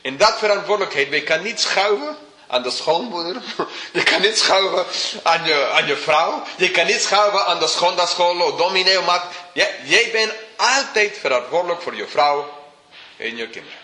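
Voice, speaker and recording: A male preacher with a bright, slightly high voice, talking informally and chuckling between points. His sermon rings in a roomy hall over a faint hum. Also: expressive, normal speed.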